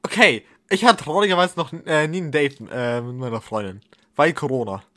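Teasing man asking questions, slightly high. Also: fairly quick, pushed and bright, no room sound, clean studio sound. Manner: teasing, asks questions with restarts. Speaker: podcast co-host. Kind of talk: casual podcast chat.

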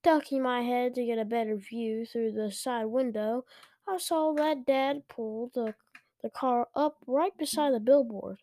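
A woman hosting a podcast, reading a children's horror book aloud slowly and carefully, with small slips. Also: a little high, warm tone, no echo. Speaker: podcast host and reader.

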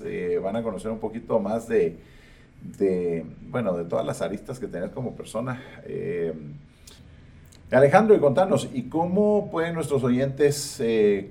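Male podcast host, blunt and opinionated, dark mellow tone, distant mic with light hiss. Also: mid-range voice. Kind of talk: casual interview. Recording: distant mic with faint ambient noise.

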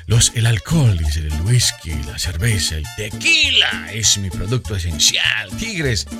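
A man hosting a radio show, talking in a playful, theatrical comedic monologue and addressing listeners directly with drawn-out emphasis. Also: fairly low pitch, sing-song, over music.

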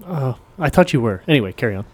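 A man's voice: mid-range voice, big pitch swings, quick pace, darkish tone, slightly rough. A man co-hosting a podcast, chatting casually and teasing with jokes. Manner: joking, teasing, chuckles often. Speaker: podcast co-host. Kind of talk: casual chat.

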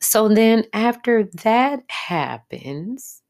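A woman's voice: fairly high pitch, big pitch swings, drawn-out words, darkish tone. A woman giving a chatty, profane recap of a TV episode, talking straight to her viewers. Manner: chatty, profane, addresses audience directly. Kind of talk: casual recap monologue.

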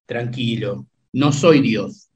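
A man's voice: medium pitch, slow pace, a little mellow, muffled recording. A man playing a lawyer in a comic sketch, speaking in a formal, firm and official way.

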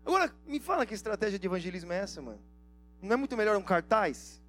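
A man preaching a sermon, telling stories in a lively, slangy way and acting out the dialogue. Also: sits high, fast talker, faint music behind. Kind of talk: sermon with storytelling.

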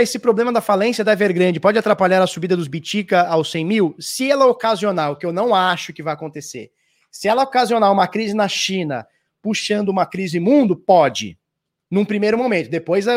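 High, lively Brazilian man streaming live. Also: a little fast. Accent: Brazilian Portuguese. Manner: loose, slangy, swears, rambles with restarts. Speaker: crypto livestream host. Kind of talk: casual live chat reading viewer questions. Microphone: standing at a live stream mic.

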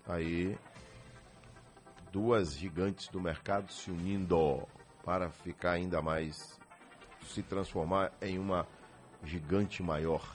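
Chatty radio host with faint music. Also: male voice, sits low, fairly even intonation, slow, pauses often. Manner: chatty, leading questions with tag "né?". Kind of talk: radio interview.

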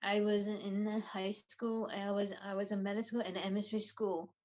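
A woman in her thirties introducing herself in a halting, stammering way. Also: mid-range voice, level tone, darkish tone. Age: 30s.

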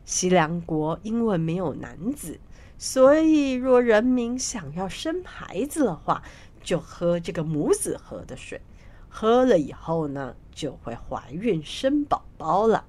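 A woman voicing a kindly, wrinkled old woman in a storybook tale, speaking low and hushed. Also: sing-song, unhurried. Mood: confiding.

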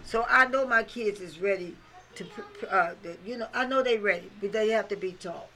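High bright fervent man. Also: brisk, poor audio. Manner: fervent, calls out "come on".

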